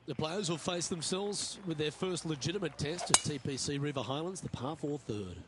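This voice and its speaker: A man playing a golf commentator, calling play in a polished, measured broadcast style for a video game. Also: on the high side, natural voice. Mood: composed. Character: upbeat male TV golf anchor. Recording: clear background noise.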